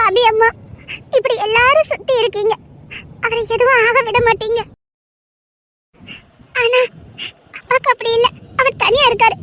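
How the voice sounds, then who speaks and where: A woman's voice: a bit bright, a little hiss or hum. A woman voicing a torn young wife who pleads through tears in an audio drama. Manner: pleading, tearful and high-pitched. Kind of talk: Tamil audio drama acting.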